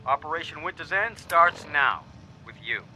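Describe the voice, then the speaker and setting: An actor playing a tough, brisk police captain giving a commanding, formal briefing in a video game. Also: male voice, fairly high pitch, lively intonation, sharp tone, a little hiss or hum. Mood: commanding, resolute. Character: brisk, tough male police captain rallying his task force.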